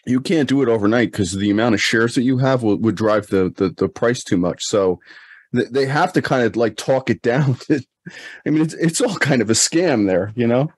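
A man's voice: medium pitch, moderate pace, breathy edge, no room sound. A man co-hosting a finance podcast, chatting casually with many fillers and restarts. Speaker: podcast co-host.

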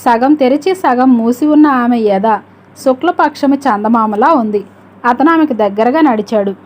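High-voiced woman reading an audiobook. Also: normal speed, a little mellow. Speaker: storyteller. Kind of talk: audiobook narration.

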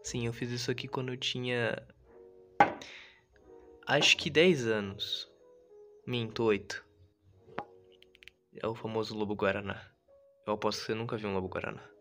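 A young Brazilian man filming a casual house tour on a handheld phone, joking and self-mocking, swinging between low mutters and loud outbursts. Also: steady tone, normal speed, pauses often. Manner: playful, self-mocking, drops to mutters then shouts. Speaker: YouTuber giving a house tour. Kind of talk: casual vlog, joking to the viewers. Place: home kitchen and bedroom, indoors. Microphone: handheld phone camera. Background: lo-fi music playing.

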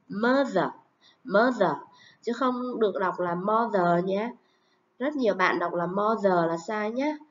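A woman teaching English pronunciation, saying model words and example sentences slowly and carefully. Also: medium pitch. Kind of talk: pronunciation lesson. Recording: dull lo-fi recording.

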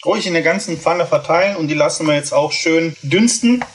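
A man's voice: fairly high pitch, brisk, a little hiss or hum. A man hosting a casual home cooking video, chatting through each step as he cooks. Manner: chatty, explains steps while cooking. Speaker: cooking channel host. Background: food sizzling in a pan.

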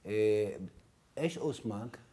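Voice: medium pitch, a little slow, slight background noise, lightly acted. An actor playing a pompous male film director who bosses and throws out auditioners. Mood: haughty. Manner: bossy, shouts people out.

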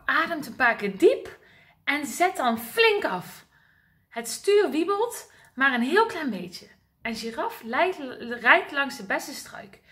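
A woman teacher reading a picture book aloud to small children, high-pitched and sing-song. She takes her time and asks the children questions about the pictures. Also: very animated, slow, sharp tone.

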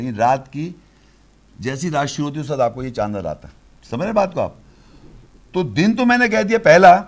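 A man teaches in a fairly high voice. He takes his listeners through each step in order and often stops to ask whether they are following. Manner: explanatory, asks listeners rhetorical questions. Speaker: religious lecturer. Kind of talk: lecture walking through the steps of Hajj.

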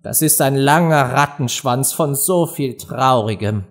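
A man's voice: mid-range voice, measured pace, faint music behind, close to an everyday voice. A man voicing a touchy, stern mouse in an audiobook, strict and offended.

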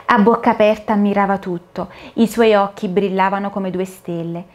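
Woman softly narrating a children's fairy tale. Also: medium pitch, moderate pace. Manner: soft, expressive storytelling. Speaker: storyteller.

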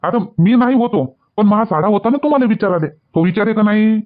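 A man's voice: high-pitched, fast, natural voice. Man playing a coaxing father-in-law. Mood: placating. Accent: Varhadi Marathi. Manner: soothing, coaxing. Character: placating middle-aged father-in-law. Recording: dull lo-fi sound.

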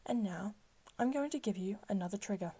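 A woman slowly guiding a listener into trance with soft, soothing, repetitive phrasing, sometimes dropping to a breathy whisper. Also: medium pitch, animated. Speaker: hypnosis guide. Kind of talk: slow guided hypnosis script.

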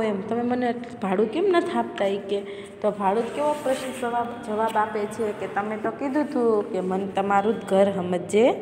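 A woman's voice: fairly high pitch, darkish tone. A woman from Gujarat teaching a class. She reads each line aloud, then patiently explains it again in plain words. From Gujarat, India. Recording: echoey room with long reverb and faint hiss.

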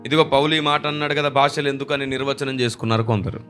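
A man's voice: medium pitch, fairly even intonation, quick pace, a bit bright, faint music behind. A man preaching a sermon as pastor, emphatic, with rhetorical questions and repeated phrases.

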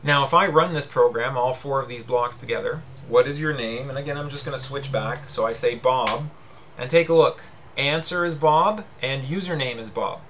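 A man's voice: medium pitch, moderate pace, a bit bright, a little hiss or hum. A male teacher talking through a coding screencast, patient and explanatory, reading out on-screen prompts as he goes.

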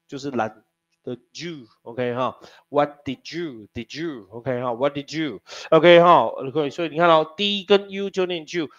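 A man teaching an English class, teasing his students and spelling words out letter by letter. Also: fairly high pitch. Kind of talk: classroom lesson. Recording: dull lo-fi classroom recording.

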